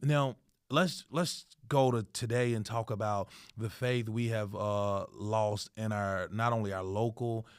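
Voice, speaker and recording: A man's voice: on the low side, fairly even intonation, unhurried, hardly any pauses, clear, resonant tone, no room sound, studio quality. A man, a pastor hosting a podcast, who affirms his guest often and asks follow-up questions. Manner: affirming, frequent short agreements. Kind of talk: interview.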